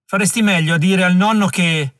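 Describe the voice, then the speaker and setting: A man voicing a furious German militia leader in an audiobook, shouting and blustering. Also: high-pitched, moderate pace, no room sound, studio quality, pitched above the performer's own voice. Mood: menacing.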